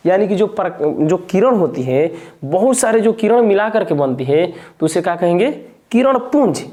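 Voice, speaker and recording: A man walks students through a physics lesson, his voice dark and mellow. He keeps circling back to each definition, asking a question aloud and supplying the answer himself. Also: high-pitched, sing-song, normal speed. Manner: repetitive, asks and answers own questions. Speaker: teacher.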